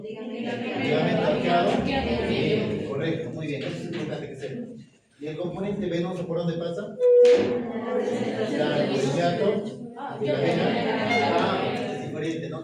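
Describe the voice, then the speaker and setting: Man, anatomy lecturer, quizzing a class, slightly high voice, far from the mic, heavy room echo. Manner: asks quick questions and confirms answers with "correcto, muy bien". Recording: very echoey room, distant mic, students audible. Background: students murmuring answers.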